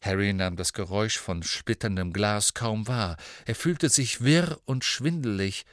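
A man narrating a novel in expressive storytelling style. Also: on the low side, a little slow, no room sound, studio quality. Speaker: audiobook narrator. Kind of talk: scripted narration.

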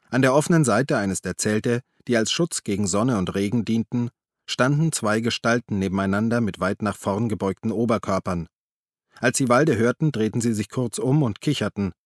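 A man with a low voice narrates an audiobook from a script, telling the story in a calm, even way. The recording is close and dry, with no room sound at all.

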